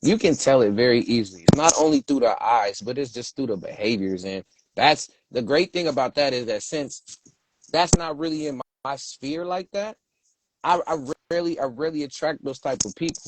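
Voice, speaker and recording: A man's voice: mid-range voice, brisk, dry recording, rough recording. A man from Brooklyn hosting a casual chat, talking in laid-back street slang. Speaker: host.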